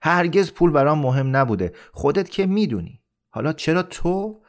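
A man voicing a calm, dying older man, pleading. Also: on the low side, natural voice. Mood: stern. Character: dying older man, gentle, persuasive family friend.

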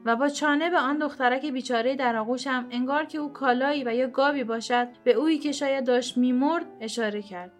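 A woman narrating a short story for an audiobook in a steady, expressive storytelling manner. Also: high-pitched, few pauses. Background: soft instrumental music.

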